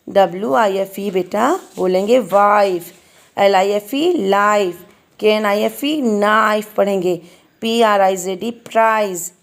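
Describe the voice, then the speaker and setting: Indian woman teacher with slightly gravelly voice. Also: mid-range voice. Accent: Indian English. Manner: spells words letter by letter, calls children "beta". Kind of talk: classroom phonics lesson.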